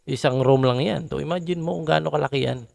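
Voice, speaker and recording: A man's voice: a little high, fast talker, vocal fry, darkish tone, slight background noise. A man giving rambling, opinionated political commentary and often ending phrases with a questioning tag.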